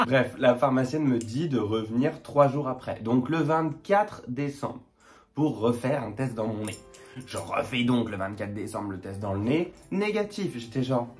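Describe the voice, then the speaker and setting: A young man spins a casual storytime monologue to his camera, animated and full of jokes. His pitch sits in the middle of the range, and he keeps darting up into high mocking voices for asides. Faint music runs underneath. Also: moderate pace. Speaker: vlogger.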